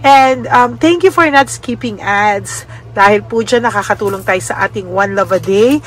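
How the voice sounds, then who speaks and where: A Filipino woman giving a casual spoken card reading to her viewers, gentle and often adding little tag questions. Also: mid-range voice, normal speed. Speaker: tarot card reader.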